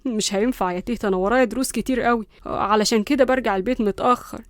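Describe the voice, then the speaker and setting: A woman's voice: a little high, rapid-fire, no room sound, studio quality, close to an everyday voice. A woman voicing a frightened, lazy teenage grandson with an Egyptian accent, stammering excuses. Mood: nervous.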